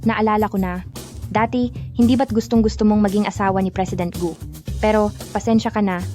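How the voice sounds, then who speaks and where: A woman's voice: medium pitch, steady tone, fairly quick, warm tone, faint music behind, close to an everyday voice. A woman dubbing a cheerful, unbothered young bride who talks in a breezy, teasing way. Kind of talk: Filipino dub of a drama.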